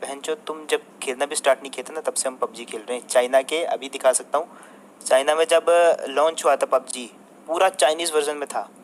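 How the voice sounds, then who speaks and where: A man's voice: medium pitch, steady tone, fairly quick, poor audio. Young man, game streamer, combative rant, constant swearing, faint background hiss. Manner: addresses the viewers and a rival by turns. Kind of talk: angry rant to viewers.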